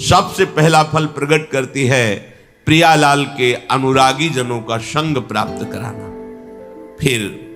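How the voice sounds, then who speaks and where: A man giving a slow, reverent devotional discourse as a spiritual teacher, often quoting verses. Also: a little high, fairly bright tone. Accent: Hindi.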